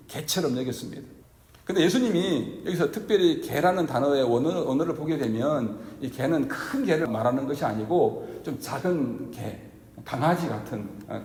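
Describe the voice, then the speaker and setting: A man's voice: medium pitch, a little mellow. A man preaching a Sunday sermon as pastor, talking conversationally and asking his congregation questions. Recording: echoey reverberant hall.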